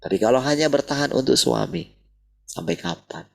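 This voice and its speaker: Male preacher, husky voice, lively pitch, casual sermon delivery. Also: moderate pace. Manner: animated, repeats "gitu" often. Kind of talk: sermon over video call.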